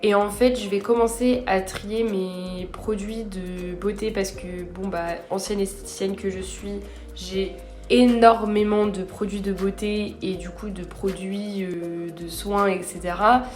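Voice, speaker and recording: A woman's voice: medium pitch, steady tone, measured pace, darkish tone, faint music behind. A young woman vlogging in a casual, chatty way, rambling and poking fun at herself, recorded on a phone camera. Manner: chatty, self-deprecating, rambling. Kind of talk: casual vlog chat.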